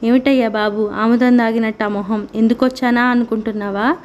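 A woman's voice: on the high side, fairly even intonation, brisk, lo-fi sound, a little hiss or hum, lightly acted. Teasing proud rich woman, read by a woman. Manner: teasing, provoking.

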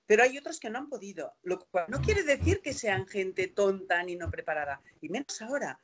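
An indignant woman in her sixties talks over a video call from a room at home. She speaks with passion and fires off rhetorical questions, with a voice of middling pitch. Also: lively intonation, normal speed, a little hiss or hum. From Spain. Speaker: interview guest.

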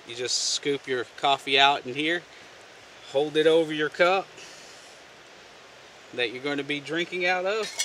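A man casually showing a homemade camp stove outdoors, talking in a relaxed, folksy way with many fillers. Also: mid-range voice, far from the mic, a little hiss or hum. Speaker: outdoor gear vlogger. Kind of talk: casual how-to demonstration. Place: outdoors on the ground, off camera.

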